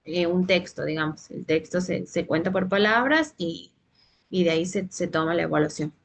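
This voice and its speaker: A woman giving a teacher training presentation on reading, explaining in steps with frequent "eh" pauses and restarts. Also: fairly low pitch, vocal fry, slight background noise. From Santiago del Estero, Argentina.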